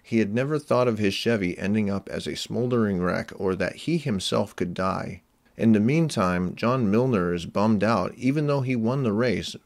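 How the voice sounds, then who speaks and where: Low-voiced man narrating an essay. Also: no echo. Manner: measured, explanatory. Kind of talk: scripted analytical narration.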